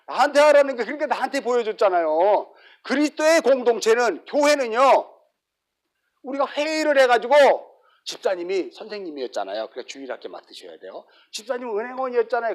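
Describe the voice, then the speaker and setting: A man pastor giving a sermon, acting out little quotes and dropping to soft asides. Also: very high voice, fast. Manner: lively, acts out everyday quotes, sudden drops to soft asides.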